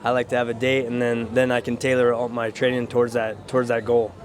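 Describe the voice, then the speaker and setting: Fighter guy answering casually, low-key and modest, pretty monotone, medium pitch. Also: fast. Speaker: professional MMA fighter.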